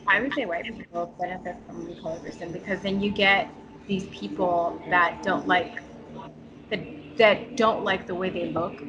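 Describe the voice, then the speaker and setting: Poor audio captures a New York woman with a lowish voice, talking as an interview guest in a frank, chatty, casual way with lots of fillers and restarts.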